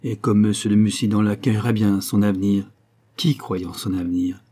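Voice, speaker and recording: A man giving steady, expressive scripted narration of a classic novel. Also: fairly low pitch, moderate pace, breathy edge. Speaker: audiobook reader.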